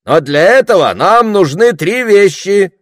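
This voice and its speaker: A man voicing a boastful, self-important male orator who speaks loudly and pompously. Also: on the high side, sing-song, takes it slowly, no room sound, studio quality, pitched above the performer's own voice. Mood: agitated. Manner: loud, pompous, declaiming.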